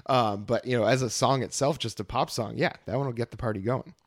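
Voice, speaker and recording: A man co-hosting a podcast in relaxed casual chat, with many ums and fillers. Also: medium pitch, fast. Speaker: podcast co-host.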